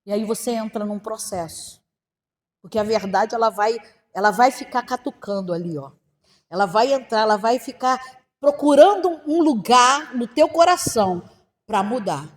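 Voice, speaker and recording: A middle-aged woman pastor with a Brazilian accent, preaching a sermon with passion, swinging between loud and hushed and acting out prayers in her own voice. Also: a little high, expressive, moderate pace. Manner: acts out prayers in quoted first person. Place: church hall. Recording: long church-hall reverb.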